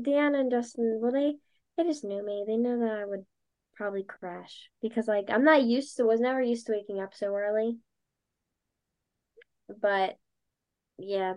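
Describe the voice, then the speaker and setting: A woman's voice: medium pitch, darkish tone, muffled recording. A young woman as an interview guest, chatting casually and acting out past conversations with lots of "like". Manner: chatty, acts out past conversations, many likes. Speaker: guest, dancer and podcaster.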